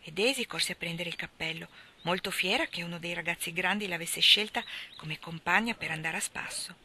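A woman reading a classic children's novel aloud as an audiobook, in a measured, expressive way. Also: fairly low pitch, a little hiss or hum. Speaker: reader.

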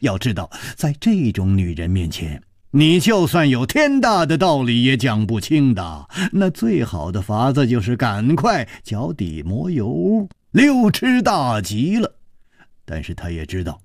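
A man narrating a martial-arts story in a broadcast storytelling style, theatrical and animated with drawn-out phrasing. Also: medium pitch, dry recording, clean studio sound.

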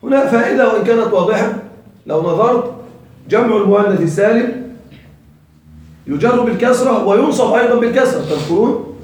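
A man's voice: high-pitched, lively intonation, a little fast, long pauses, darkish tone. A man teaching a classroom grammar lesson, quizzing his students and repeating their answers. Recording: very echoey room, voice from far off.

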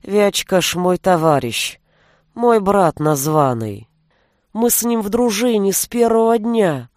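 A man's voice: sits high, lively intonation, a little slow, a little mellow, dry recording. A reader voicing a drunk young male warrior who slurs and drawls his reproaches, in a dry studio recording. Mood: drawling. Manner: slurred, drawling.

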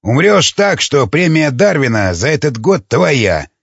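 A man voicing a crude, touchy male survivor who growls threats, husky-voiced. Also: fairly high pitch, very animated, measured pace, no echo, heavily acted. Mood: grumbling. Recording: dull lo-fi recording.

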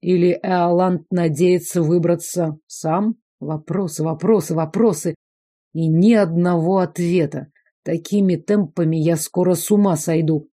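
A woman reading a first-person fantasy novel aloud in even, measured scripted audiobook narration. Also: fairly low pitch. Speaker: audiobook reader.

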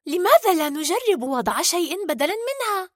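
A bold young princess from a storybook, voiced by a woman reading aloud. Her speech rises high and sweeps widely in pitch, emphatic and eager. The sound is close and dry. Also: very animated, a little fast, no echo. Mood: worried urgent. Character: brave, spirited young princess.

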